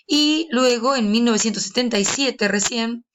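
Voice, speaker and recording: A woman giving a recorded literature lesson, explaining slowly with frequent pauses and hesitations. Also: fairly high pitch, fairly bright tone, a little hiss or hum. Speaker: literature teacher. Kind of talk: recorded lesson reading and commenting a story.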